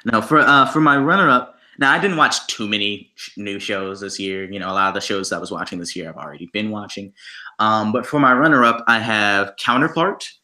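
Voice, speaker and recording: A young man co-hosting a podcast chats casually about his favorite shows, sounding enthusiastic and playful. His voice is on the low side, fairly quick, and sharp in tone.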